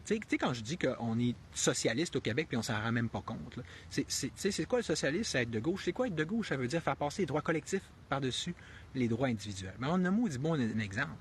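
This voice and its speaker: This fast-talking live streamer speaks in a mid-range voice with big pitch swings and a Québécois French accent. His unscripted commentary rambles as he thinks aloud, full of restarts and fillers, earnest and punctuated by emphatic rhetorical questions. Slight background noise is present.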